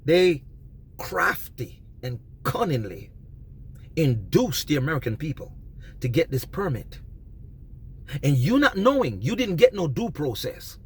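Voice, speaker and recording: Husky, animated man lecturing emphatically. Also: fairly high pitch, measured pace, pauses often. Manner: emphatic, preachy, rises to near shouting. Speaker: vlogger giving advice. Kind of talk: passionate monologue.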